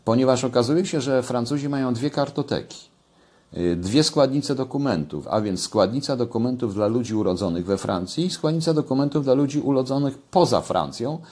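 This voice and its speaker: A man's voice: medium pitch, animated, fairly quick, darkish tone, husky. An older man giving casual commentary to camera from his home kitchen, talking conversationally and pushing his voice up on key points. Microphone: webcam at desk.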